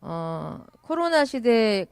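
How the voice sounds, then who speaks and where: Smooth-voiced woman giving a reflective talk. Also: on the high side, big pitch swings, drawn-out words, no echo. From South Korea. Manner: warm and reflective, with many "uh" fillers. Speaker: village education researcher. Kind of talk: speech at a closing event.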